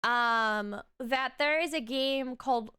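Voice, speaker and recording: A woman's voice: sits high, takes it slowly, pushed and bright, smooth. A young adult woman streamer in casual live-stream chat, talking by turns to her dog and to her viewers.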